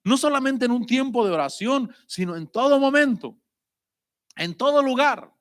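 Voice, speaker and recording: A pastor preaching a sermon in a lively way, acting out short prayers. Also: male voice, very high-pitched, normal speed.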